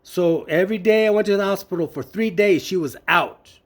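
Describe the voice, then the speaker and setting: A man testifying before a judge, speaking earnestly and haltingly with many fillers and restarts. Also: high voice. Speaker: witness testifying in court.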